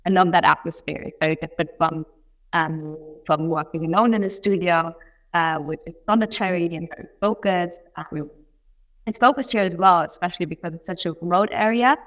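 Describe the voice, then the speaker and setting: Speaking fairly briskly in a low, rather bright voice, a female artist on a residency joins an interview by video call from her remote studio. Her answers come out reflective, thoughtful and somewhat hesitant.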